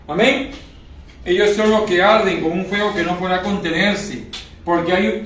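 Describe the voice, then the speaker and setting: A male preacher delivering an emotional sermon, repeating phrases and asking the congregation questions. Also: high-pitched. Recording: echoey room, recorded from far off, faint noise.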